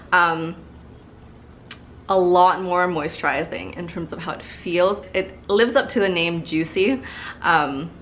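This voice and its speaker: A beauty vlogger in her twenties chats casually through a makeup review, seated before a couch in her living room, sounding a little stuffy from allergies. She's chatty, with many fillers and repeated words, and her lowish, fairly bright voice comes with a little hiss or hum.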